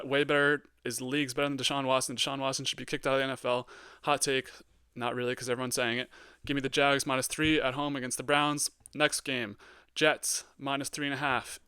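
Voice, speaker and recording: A young man hosting a solo sports podcast, giving blunt hot takes with lots of ums and getting excitable. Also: mid-range voice, smooth, no room sound. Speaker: podcast host.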